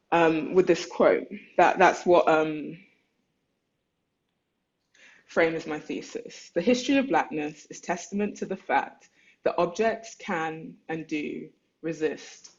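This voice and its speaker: A lecturer and artist gives an online talk on their own thesis, thinking aloud, searching for words, and reading their own letters aloud. The voice is mid-range and the audio is dull.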